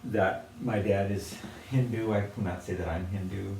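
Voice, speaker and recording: Showing off his objects, an American potter chats casually in a low, gravelly voice with fairly even intonation, hesitating, restarting and laughing softly amid many fillers. The mic is distant in a roomy space, picking up faint noise.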